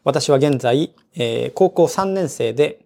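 A man with a gravelly, mellow voice reads out a listener's letter on a casual podcast. His delivery is easygoing, with chuckles between sentences. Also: mid-range voice, slow pace. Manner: relaxed, chuckling, mixes Japanese and English. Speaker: podcast co-host. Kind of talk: reading a listener letter aloud, casual chat.

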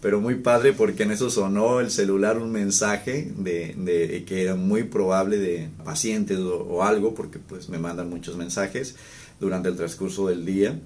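Low-voiced Mexican man telling a story. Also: moderate pace. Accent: Mexican Spanish. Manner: relaxed storytelling with many fillers and restarts, chuckling. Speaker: therapist and podcast host. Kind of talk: casual anecdotal talk.

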